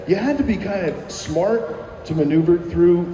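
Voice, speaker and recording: A middle-aged musician from New Jersey reminisces casually in an interview, rambling with lots of fillers and restarts. His voice is high-pitched, mellow and unhurried. The room is echoey, with a long reverb.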